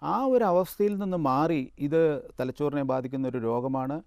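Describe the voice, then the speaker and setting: A man speaking as a doctor on a television health phone-in, slow and measured, with frequent hesitant fillers. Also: fairly high pitch, creaky, a little mellow, no room sound, studio quality. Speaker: doctor answering viewer calls.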